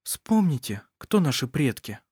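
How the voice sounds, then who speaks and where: A man reading the lines of a calm, strong-willed young woman in a hushed, steady voice, in a storybook reading. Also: medium pitch, measured pace, husky, dry recording, studio quality, pitched above the performer's own voice, exaggerated voice. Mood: calm resolve.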